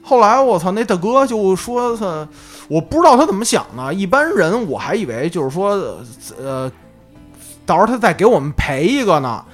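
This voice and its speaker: A man with a Beijing accent chatting casually as a podcast co-host, telling childhood stories in an animated way and swearing freely. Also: sits high, normal speed, faint music behind.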